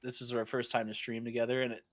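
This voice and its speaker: A man's voice: mid-range voice, level tone, fast. Guy with the hiccups hosting a game stream, laughs at himself a lot, a bit of faint noise behind. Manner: rambling, self-deprecating, laughs often. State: has hiccups. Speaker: streamer host. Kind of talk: casual gaming chat.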